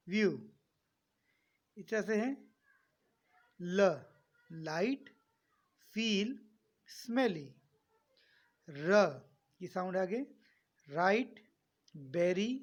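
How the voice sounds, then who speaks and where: A man teaching a spoken English lesson, addressing his students kindly and repeating each sound firmly to drill it. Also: sits high.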